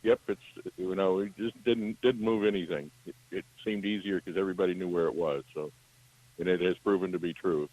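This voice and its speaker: A man calling in to a radio show, talking about his magazine in a relaxed, rambling way, heard over a muffled line. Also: low voice, brisk. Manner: relaxed, rambling, many fillers. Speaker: phone-in guest, magazine publisher. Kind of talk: casual radio call.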